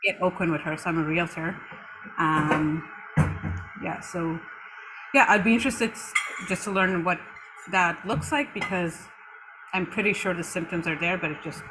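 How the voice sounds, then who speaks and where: A woman's voice: fairly low pitch, normal speed, over music, rough recording. A woman who works as a realtor, chatting in a rambling way with many fillers during a webinar over a video call. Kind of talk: casual chat.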